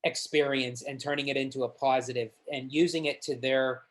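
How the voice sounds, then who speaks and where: A man's voice: medium pitch, little pitch movement, a little fast. Wry male podcast co-host, mid voice. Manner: conversational, wry jokes, some restarts. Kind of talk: casual chat.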